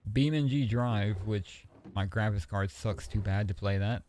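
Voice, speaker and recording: A man streaming, chatting casually in a relaxed, rambling way and swearing freely. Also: on the low side, slow pace, slight background noise.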